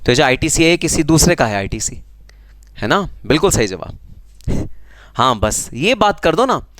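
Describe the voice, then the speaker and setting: A man's voice: fairly high pitch, sing-song, normal speed, a bit bright, no echo. A man with an Indian accent teaching a live online tax class, teasing students and answering their comments in a conversational way. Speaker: GST teacher.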